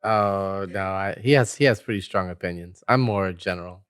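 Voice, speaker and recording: A man co-hosting a podcast in casual chat, calm and even-handed, smoothing over an argument. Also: sits low, normal speed, dry recording, clean studio sound. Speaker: podcast co-host.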